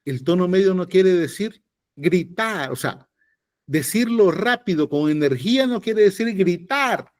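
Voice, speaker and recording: A man's voice: sits high, lively intonation, unhurried, no room sound, clean studio sound. A man with a Salvadoran accent teaching podcast acting in an online class, blunt and joking with emphatic advice. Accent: Salvadoran Spanish. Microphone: video call.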